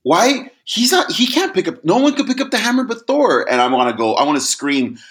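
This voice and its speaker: Excitable podcast guy mimicking audiences. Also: brisk. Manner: animated, mimics crowds in loud high-pitched bursts. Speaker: podcast co-host. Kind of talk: casual chat.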